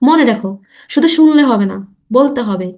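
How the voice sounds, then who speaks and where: A woman teaching a spoken English lesson, stretching out model sentences slowly and often asking quick check questions. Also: high voice, lively intonation, a little mellow. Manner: slow, drawn-out model sentences for repetition; asks rhetorical check questions.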